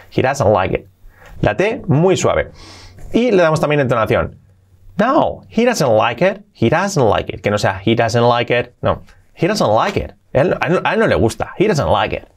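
Spanish guy teaching english pronunciation, says each phrase over and over slowly, mid-pitched voice. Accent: Spanish from Spain. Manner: drills phrases by repeating them slowly. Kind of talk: pronunciation lesson.

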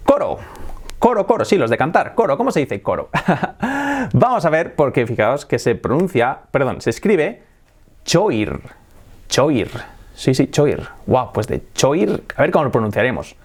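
Lively Spanish-accented man teaching pronunciation. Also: fairly high pitch, normal speed, husky. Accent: Spain Spanish. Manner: animated, repeats words and laughs often. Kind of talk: online pronunciation lesson.

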